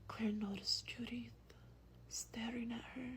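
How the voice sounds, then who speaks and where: A woman plays a gentle vampire host reading a bedtime book in a soft-spoken ASMR roleplay, whispering breathily and slowly close to the mic. Her fairly high voice stays steady and hushed, with faint background noise in the recording.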